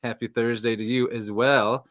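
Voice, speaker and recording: A man in his forties chats in a loose, rambling way as host of a live stream, laughing now and then. His voice sits at an everyday middle pitch. The sound is close and dry, with no room echo. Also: flat delivery, moderate pace, a bit bright. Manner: chatty, rambling, laughs often. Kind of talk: casual live chat. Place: storage room next to a furnace.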